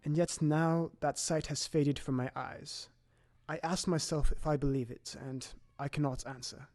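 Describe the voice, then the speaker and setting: A man with a slightly high, steady, somewhat mellow voice plays a grave Victorian doctor recounting horror in an audio drama. He sounds shaken and despairing, and his narration is formal, dramatic, and measured.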